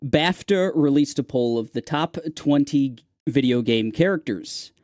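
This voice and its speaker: A man's voice: medium pitch, animated, unhurried, a little mellow, no room sound, clean studio sound. A man hosting a casual podcast chat, reading out a listener email with hesitant fillers. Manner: chatty, reads aloud, hesitant fillers.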